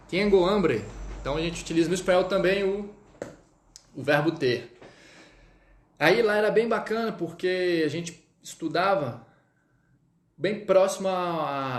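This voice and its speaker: Chatty Brazilian man teaching live. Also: a little high. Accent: Brazilian Portuguese. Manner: chatty, reads out viewer comments, frequent "tá?" check-ins. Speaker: French teacher. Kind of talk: live-stream lesson, casual chat. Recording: echoey room.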